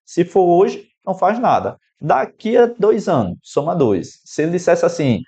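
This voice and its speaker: A man's voice: high-pitched, big pitch swings, normal speed, mellow, breathy edge. A man with a Brazilian Portuguese accent teaching an exam-prep math lesson, explaining an equation step by step and speaking directly to the student. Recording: slightly dull, lo-fi sound.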